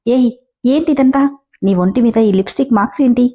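A woman's voice: a little high, fast talker, lo-fi sound, lightly acted. Woman reading as an indignant young wife. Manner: indignant, accusing questions.

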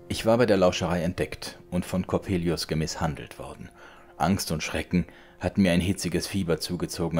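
A man reading a classic tale aloud as an audiobook, in a measured, dramatic way. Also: low-pitched. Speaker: audiobook reader. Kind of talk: scripted literary narration.

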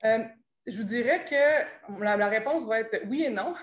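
A woman's voice: fairly high pitch, measured pace, reverberant. A woman researcher from Quebec with a Québécois accent, presenting a seminar over a video call, with many fillers and restarts. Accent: Québécois French. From Quebec, Chaudière-Appalaches region. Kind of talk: academic talk and Q&A on a video call.

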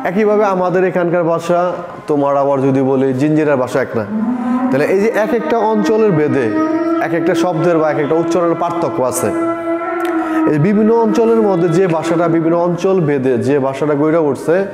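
A man's voice: fairly high pitch, expressive, moderate pace, loud music behind the voice. A male teacher, giving an explanatory classroom lecture. He repeats his points and asks the class rhetorical questions. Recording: echoey room with long reverb.

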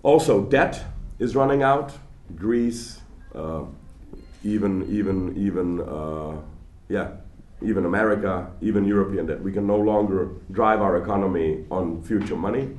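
A man giving a public lecture in an animated, conversational way, often restarting his sentences, in a large lecture hall. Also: deep voice, measured pace. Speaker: guest lecturer.

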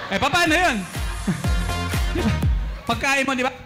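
A man's voice: very high voice, slow. A man co-hosting a live-streamed talk show from the Philippines, joking and mock-questioning his guests. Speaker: co-host. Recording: loud music behind.

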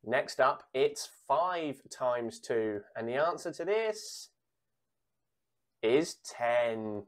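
A woman with a low, expressive voice calls bingo for a children's times tables game. Speaking really slowly, she reads each sum, pauses, then gives the answer, repeating the digits in a measured way.

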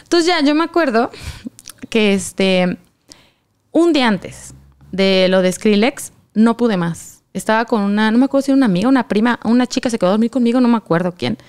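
A young woman with a Mexican Spanish accent tells a personal story over a casual chat, her voice higher-pitched and smooth. She talks in slang and acts out the quoted lines in a lively way. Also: a little fast.

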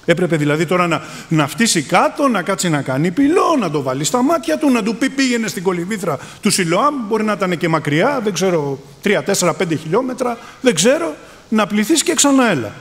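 A man delivering a sermon, addressing his listeners as brothers. His voice sits high and moves a lot, climbing for emphasis and dropping low and soft at the ends of phrases. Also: big pitch swings. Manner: calls listeners brothers, voice rising and falling in emphasis. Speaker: preacher.

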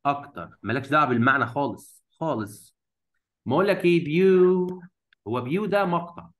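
Lively Egyptian man teaching English grammar. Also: medium pitch, background noise. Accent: Egyptian Arabic. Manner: stretches out English words slowly when modeling them. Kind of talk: classroom grammar lesson.

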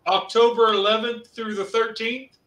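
A man's voice: very high-pitched, flat delivery, moderate pace, fairly bright tone. A man from Ohio co-hosting a casual livestream, chatting and reading out viewer comments with lots of fillers. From Ohio, USA. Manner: chatty, hesitant, many fillers. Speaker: co-host reading viewer chat. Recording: roomy, mic at a distance.

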